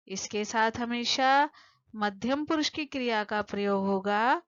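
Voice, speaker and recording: A woman teaching a lesson to children, patiently asking questions and answering them, slowing down to spell out word forms. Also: medium pitch, a bit bright, no echo, lo-fi sound. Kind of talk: explaining a textbook lesson to children.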